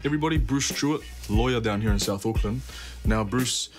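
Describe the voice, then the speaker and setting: A man from New Zealand working as a reporter, asking interview questions in a brisk, slangy way. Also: on the low side, music in the background. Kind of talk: casual interview.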